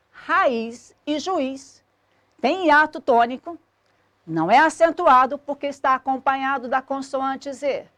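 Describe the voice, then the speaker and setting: A woman, explaining a grammar lesson clearly and methodically as a teacher. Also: sits high, fairly bright tone, no echo.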